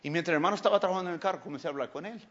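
Male pastor, high voice, animated preacher who shouts at times; muffled, dull recording. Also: racing. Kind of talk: sermon.

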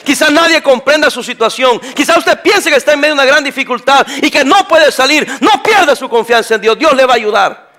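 An older man, a pastor, preaching a sermon, moving from quiet talk to shouting. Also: very high voice, a little fast. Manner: animated preaching, swings from soft to shouting.

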